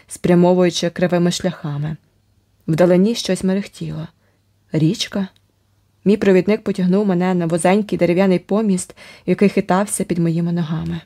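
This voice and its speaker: Female audiobook narrator, mellow, lowish voice, dramatic first-person read. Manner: expressive, dramatic storytelling.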